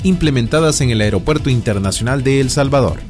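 A man's voice: medium pitch, expressive, fast. A man news anchor reading headlines. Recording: over music bed.

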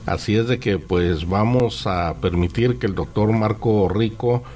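A man's voice: on the low side, unhurried, a little mellow. A man hosting a radio program, introducing his guests in a friendly, conversational way. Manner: friendly, conversational, uses "pues" and "¿verdad?". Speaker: radio host. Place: radio studio. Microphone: studio microphone.

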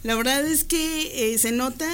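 Woman interviewer, chatty and playful, fairly high voice, faint background noise. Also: measured pace, a bit bright. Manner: chatty, laughs often, playful teasing. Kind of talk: casual interview.

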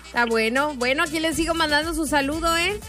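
A woman's voice: high voice, fairly quick, bright, forceful tone, soft background music. A woman hosting a call-in radio show, chatty and upbeat, laughing with callers and pushing events. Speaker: radio host.

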